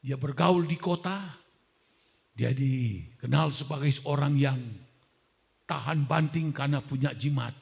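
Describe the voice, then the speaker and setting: A male pastor telling a testimony in a sermon, unhurried and storytelling, breaking now and then into loud shouted prayer. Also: medium pitch, gravelly. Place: church hall. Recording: echoey church hall.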